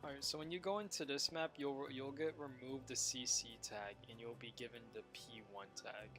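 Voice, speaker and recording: A man's voice: mid-range voice, fairly even intonation, normal speed, over music. Tired young man streaming, rambling. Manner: rambling, laughing, trailing off mid-sentence. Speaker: game streamer. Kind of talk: casual live-stream chat.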